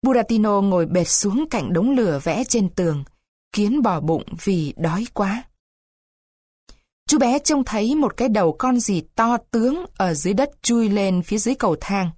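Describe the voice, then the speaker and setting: A woman reading a children's story aloud in a lively, expressive way. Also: medium pitch, no room sound, clean studio sound.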